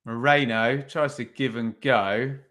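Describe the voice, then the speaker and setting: A man's voice: medium pitch, fairly even intonation, slow pace, fairly bright tone. Chatty man commentating a match. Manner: chatty, thinks aloud with tag questions. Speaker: podcast host. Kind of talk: casual live watch-along commentary.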